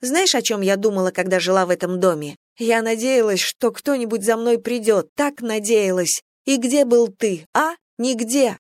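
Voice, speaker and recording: Narrator putting on a defiant young woman soldier, raised bright pitch, insistent, dry close audiobook sound. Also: normal speed, few pauses, dry recording, natural voice.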